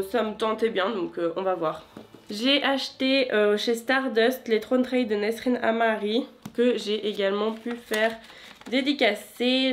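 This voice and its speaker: Une femme qui présente un vlog littéraire sur un ton de conversation détendue, bavarde et ponctuée d'hésitations. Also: female voice, fairly high pitch. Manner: chatty, many hesitations. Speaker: book vlogger. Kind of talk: casual vlog chat.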